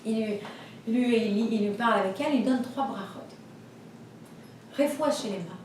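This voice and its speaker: A woman teaching a religious class, telling stories in a lively way and acting out the voices of the people in them. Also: a little high, moderate pace, a little hiss or hum. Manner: lively storytelling, acts out voices. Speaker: Torah teacher. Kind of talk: storytelling class. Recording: echoey room, voice from far off.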